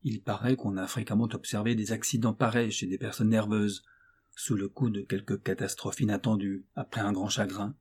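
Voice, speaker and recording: A man reads a classic novel aloud in a steady, expressive audiobook narration. His voice is dark and mellow with a husky edge, and he paces the prose evenly. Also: lowish voice, moderate pace. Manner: steady, expressive literary reading.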